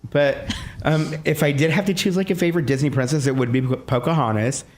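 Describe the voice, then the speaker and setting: A man guesting on a radio show, answering quick interview questions with giggles and exclamations. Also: a little high. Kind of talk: rapid-fire interview answers.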